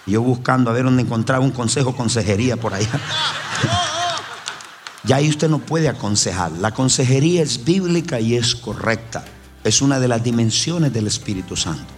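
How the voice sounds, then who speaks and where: A man preaching a sermon as pastor, emphatic and repeating his phrases. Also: mid-range voice. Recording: long hall reverb.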